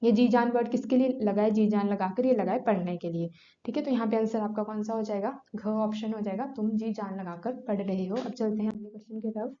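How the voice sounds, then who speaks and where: A woman's voice: medium pitch, fairly quick, mellow. Woman teaching grammar in an echoey room. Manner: explanatory, rhetorical questions answered herself. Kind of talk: exam-prep grammar lesson. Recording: echoey room, dull lo-fi sound.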